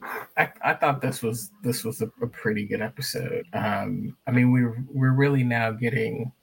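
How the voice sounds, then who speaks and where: A man co-hosts a podcast in easygoing chat, with a gravelly, fry-laden voice. His tone is somewhat raspy and breathy. He keeps things moving at a relaxed pace. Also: mid-range voice, moderate pace, low-quality recording. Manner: laid-back, steers the episode rundown. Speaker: podcast co-host. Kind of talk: casual chat.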